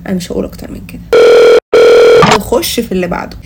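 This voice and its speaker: Fast-talking Egyptian woman podcast host, playful. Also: mid-range voice, animated, slight background noise. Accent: Egyptian Arabic. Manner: playful, mock-serious. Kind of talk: casual comedic podcast talk.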